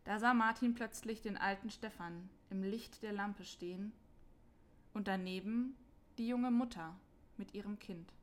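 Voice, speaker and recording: A woman reads a children's Christmas story aloud in a calm, clear manner. Her pace is slow and deliberate, with a pitch right in the middle of the range for a woman.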